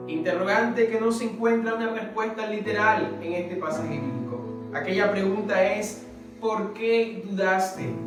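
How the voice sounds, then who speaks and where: A man preaching a sermon, reading scripture in an earnest, measured way and stretching out key phrases. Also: high voice. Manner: earnest, measured, drawn-out emphasis. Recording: echoey room, distant mic. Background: soft guitar music.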